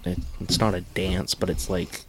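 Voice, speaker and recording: A man's voice: low-pitched, steady tone, moderate pace, slight background noise. A man co-hosting a casual podcast, rambling and searching for words, swearing freely. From rural area. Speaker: podcast co-host. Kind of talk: casual chat.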